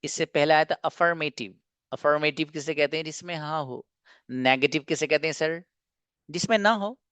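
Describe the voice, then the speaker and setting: Brief: male online teacher, smooth resonant voice, dry close mic, repetitive drilling delivery. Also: fairly high pitch, normal speed, fairly bright tone, dry recording. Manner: repeats patterns in a drilling rhythm, asks and answers his own questions. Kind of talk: online class lecture.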